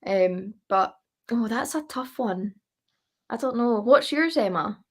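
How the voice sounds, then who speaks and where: A woman's voice: on the high side, lively intonation, takes it slowly. A woman chatting casually as a guest, gushing and repeating herself for emphasis. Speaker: interview guest. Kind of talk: casual chat.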